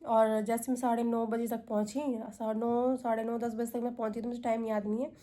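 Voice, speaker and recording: High-voiced young woman vlogger. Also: flat delivery, a little fast, dark tone. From India. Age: 20s. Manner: chatty, retells calls with quoted voices. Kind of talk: casual storytelling to camera.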